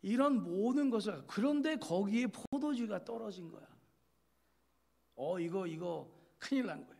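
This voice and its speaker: A man's voice: high-pitched, lively intonation, moderate pace, vocal fry, darkish tone. A male pastor giving a chatty, joking sermon, speaking straight to his listeners and acting out little quoted scenes.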